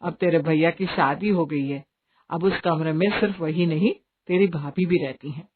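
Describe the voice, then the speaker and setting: A woman playing a middle-aged mother who talks briskly and scolds. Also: sits low, close to an everyday voice. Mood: concerned. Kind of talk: Hindi story voice acting. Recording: tinny phone-like audio, faint hiss.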